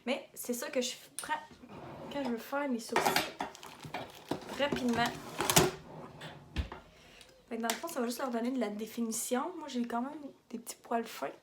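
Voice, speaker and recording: In a very noisy recording, this makeup vlogger speaks at a moderate pace in a slightly high voice, leaving long pauses. She's young, has a Québécois French accent, rambles off on tangents about her daily routine, and mixes English beauty vocabulary into her speech.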